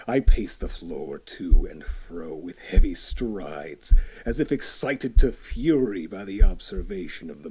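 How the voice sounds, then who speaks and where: A man narrates a classic horror story slowly and deliberately in a low, dark, husky voice. He performs it theatrically, dropping to hushed whispers and rising into tense, intense bursts. The recording is rough.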